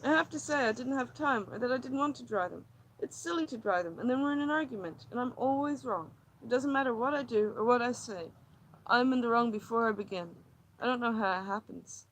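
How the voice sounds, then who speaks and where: A woman reading aloud, voicing an anxious, troubled housewife who rambles and pleads, her voice often climbing high. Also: fairly quick, fairly bright tone, slight background noise, close to an everyday voice, rough recording. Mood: agitated.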